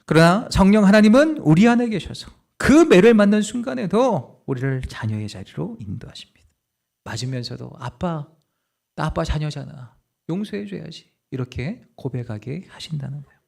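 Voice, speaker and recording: Male pastor, slightly high and gravelly voice, lively sermon delivery with loud and hushed swings. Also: a little fast. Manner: animated, acts out dialogue in quoted voices.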